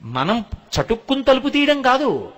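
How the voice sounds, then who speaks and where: A man with a Telugu accent giving a devotional discourse, telling stories with acted quotes and slow chanted verses. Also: extremely high pitch, huge pitch swings, a bit bright. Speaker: spiritual discourse speaker.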